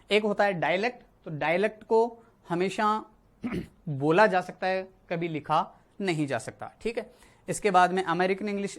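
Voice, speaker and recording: A male teacher explaining an English lesson, repeating key words and checking in often. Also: high voice. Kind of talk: spoken Hindi classroom lesson.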